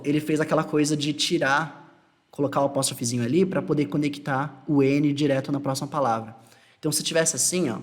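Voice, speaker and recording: A Brazilian man giving a casual English lesson, explaining phrases patiently and repeating them. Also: a little high. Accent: Brazilian Portuguese. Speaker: English teacher.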